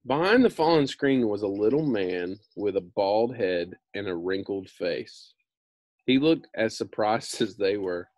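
Reading a book aloud, a thirtysomething American storyteller takes a loose, slangy approach, tossing in offhand asides. His fairly low, darkish voice is animated but unhurried, captured in a dry recording.

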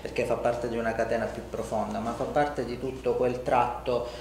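A middle-aged male chiropractor explains and instructs a patient during a treatment session in an indoor room in a home-like studio. His mid-range voice is flat and a little mellow at a moderate pace, informal and reassuring, often checking in with "ok?" and "no?". The recording is echoey with some background noise.

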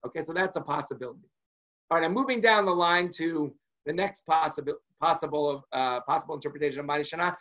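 High-voiced man teaching, lo-fi call audio. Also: fast, pushed and bright. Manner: conversational, acts out quoted voices. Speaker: rabbi teaching a class. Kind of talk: online lecture.

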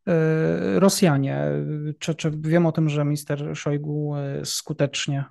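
A man's voice: on the high side, level tone, takes it slowly, creaky, darkish tone. A man hosting an interview, asking questions hesitantly and repeating words as he forms them. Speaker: interviewer host.

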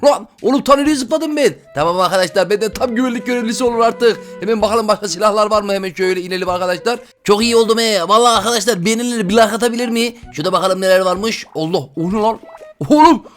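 A man with a high voice who talks fast, narrating a video game for his viewers. He keeps bursting into loud, excitable exclamations. Faint game music plays underneath. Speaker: gaming YouTuber. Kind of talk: excited let's-play commentary.

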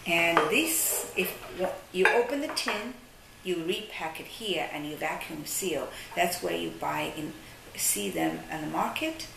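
Low gravelly-voiced woman, hesitant, in echoey office. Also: expressive, a little slow. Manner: hesitant, searching for words with many fillers. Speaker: caviar company representative. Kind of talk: interview, product explanation. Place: sunlit office at a desk. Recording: echoey room, distant mic, faint hiss.

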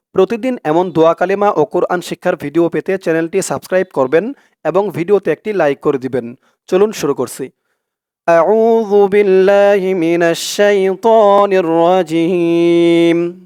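A man teaches a prayer one syllable at a time, slow and patient, stretching the recited words. His voice sits fairly high and comes through smooth and resonant. The sound is close and dry, with no room echo. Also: a little mellow. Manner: slow, patient, spells out each syllable and recites Arabic drawn out. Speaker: religious teacher.

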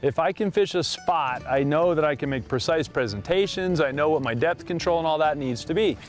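A middle-aged man talks casually from a boat out on a lake, keeping up a running chatty commentary for his viewers. His voice sits a bit high for a man. Soft music plays faintly behind him. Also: a little fast. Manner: chatty, addresses viewers as guys. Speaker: fishing show host. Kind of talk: casual on-the-water fishing commentary. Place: on a fishing boat on a lake, outdoors.

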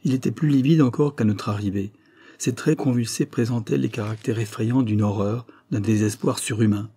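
A man narrating an audiobook in a measured, dramatic storytelling manner. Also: medium pitch, warm tone, husky.

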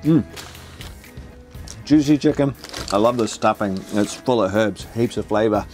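Faint music plays behind a man with a fairly low, darkish voice and a measured pace. He's the host of a casual food vlog, enthusiastically describing dishes between bites in his camper van.

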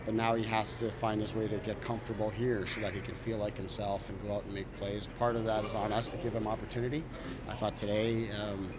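Flat-voiced coach in a noisy scrum. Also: male voice, lowish voice. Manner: measured, self-critical, frequent fillers and restarts. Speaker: hockey head coach. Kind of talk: post-game media scrum. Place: arena media backdrop, indoors. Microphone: cluster of handheld recorders and mics.

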